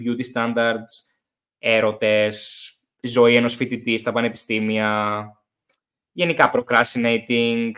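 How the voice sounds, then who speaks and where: A young man hosting a casual podcast, talking in an animated way, swearing and acting out stories about drinking. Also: medium pitch. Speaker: podcast host.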